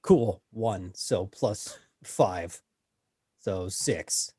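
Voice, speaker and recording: A man's voice: low-pitched, very slow, dark tone, husky. A man chatting casually as a player in a tabletop role-playing game.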